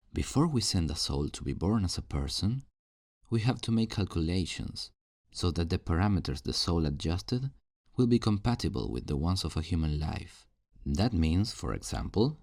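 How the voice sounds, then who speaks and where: This heavily acted ASMR roleplay features a voice actor as a calm, kindly male afterlife assistant offering souls new lives. In a low, gravelly voice he patiently explains and reassures, customer-service style, across a soft-paced scripted one-sided conversation. Studio-quality audio, no room sound.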